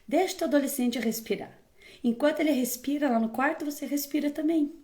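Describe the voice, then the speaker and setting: A woman's voice: high voice, brisk, a little mellow. A woman speaking as a parenting educator, giving firm, emphatic advice to viewers in a casual tone and often checking in with the listener.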